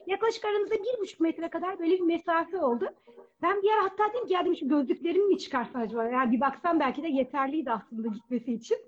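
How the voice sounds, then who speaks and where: A woman telling a personal story at a live storytelling event, animated and acting out the voices of people she quotes. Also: sits high. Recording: dull lo-fi event recording.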